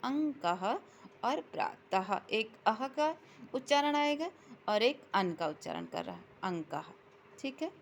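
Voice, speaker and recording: A woman's voice: on the high side, very animated, slight background noise. A woman teacher explaining a lesson to students, drawing out the example words and answering her own questions. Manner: slow and drawn out when reading letter examples, asks questions and answers them herself. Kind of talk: classroom explanation.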